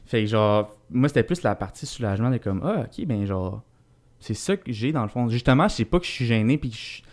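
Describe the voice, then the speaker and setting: A young man with a Québécois French accent talks as a podcast guest, loose and casual with many fillers. His voice sits at a middle pitch. He laughs often. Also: fast talker. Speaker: podcast guest, fitness coach.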